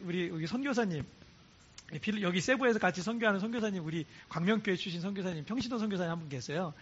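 A high-pitched male pastor from Korea delivers a chatty sermon, his voice bright and slightly husky. He swings up and down with lively intonation and keeps repeating phrases for emphasis. The church recording sounds dull and lo-fi. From South Korea. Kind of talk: sermon to a congregation. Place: church in Cebu.

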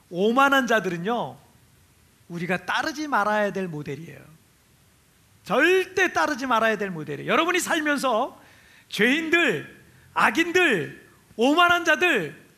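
Male pastor from Chungcheong, chatty sermon, bright, high voice. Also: gravelly. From Chungcheong, Korea. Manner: animated, chatty, laughs with the congregation.

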